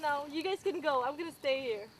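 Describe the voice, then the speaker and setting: A woman's voice: high-pitched, brisk, slight background noise, lightly acted. A young woman acting in an amateur film, nervous and stubbornly refusing to go along. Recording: outdoor night, clear insects.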